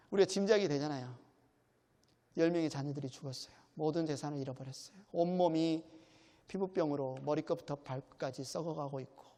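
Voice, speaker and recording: A male pastor preaching with a high-pitched voice, emphatic and posing rhetorical questions to the congregation. He is recorded in a church sanctuary, and his words trail off in a long hall reverb. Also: darkish tone. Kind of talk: sermon.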